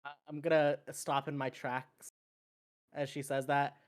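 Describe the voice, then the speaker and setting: A woman playing a tabletop game talks casually, stumbling now and then and swearing lightly. Her voice sits low for a woman. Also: flat delivery, measured pace. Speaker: player.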